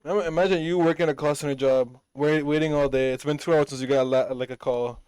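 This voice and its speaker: A man's voice: on the high side, fairly even intonation, fast talker, a little mellow, smooth, no echo. A man co-hosting a podcast in casual chat, blunt and swearing freely. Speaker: podcast co-host.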